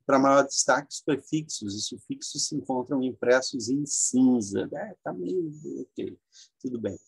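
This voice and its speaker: A man from Brazil, teaching a slow, halting lecture with many fillers and drawn-out example words. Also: medium pitch, creaky, slightly rough, no room sound. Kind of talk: classroom lecture.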